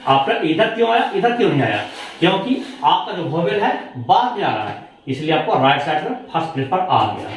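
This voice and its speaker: A male teacher takes his class through the lesson one step at a time, asking questions and answering them himself. His voice sits fairly high and moves up and down a lot. It is recorded from a distance in a strongly echoing room. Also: big pitch swings, brisk, a little hiss or hum. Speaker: shorthand teacher. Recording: very echoey room, voice far from mic.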